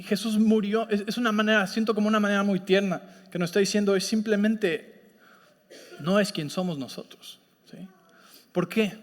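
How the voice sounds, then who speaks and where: Predicador de voz aguda en sala reverberante. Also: male voice, sits high. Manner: conversational, asks listeners often if they follow. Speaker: pastor. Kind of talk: sermon with personal story. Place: church sanctuary. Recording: long reverb of a church hall.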